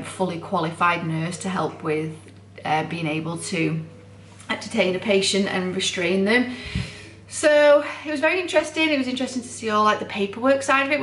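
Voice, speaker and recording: A woman's voice: medium pitch, a bit bright, echoey room, a little hiss or hum. A tired young woman, a student nurse, chatting at home in a rambling, self-deprecating vlog, with the camera set down nearby. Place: home, indoors.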